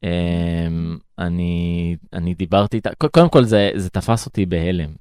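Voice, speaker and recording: A man's voice: deep voice, warm tone, smooth, dry recording, studio quality. A young man with an Israeli accent, reflectively and earnestly telling his experiences as an interview guest. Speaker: interview guest, former emissary abroad. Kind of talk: conversational interview storytelling.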